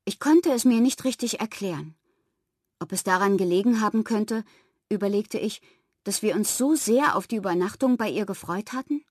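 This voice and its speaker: A woman narrating a first-person children's story in a calm, clear storytelling voice with lively emphasis. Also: medium pitch, moderate pace, no room sound, studio quality. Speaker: audiobook narrator.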